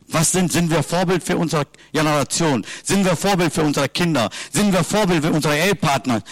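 A man preaching a sermon in simple, halting sentences, earnestly asking his listeners question after question. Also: fairly high pitch, no room sound. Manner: earnest, asks repeated rhetorical questions. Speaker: lay preacher.

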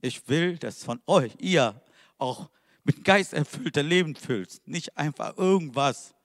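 A man's voice: fairly high pitch, lively intonation, takes it slowly, studio quality. Man preaching in a reverberant hall. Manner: emphatic, questioning the listeners directly. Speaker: pastor. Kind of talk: sermon.

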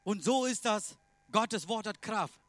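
A man preaching a sermon in non-native German phrasing, emphatic, swinging between loud declarations and quiet asides. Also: high voice, unhurried, dry recording.

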